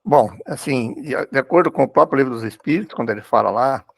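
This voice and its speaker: A man with a Brazilian accent talking in a religious study group, halting and repeating words as he thinks. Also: medium pitch, lively intonation, vocal fry. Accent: Brazilian Portuguese.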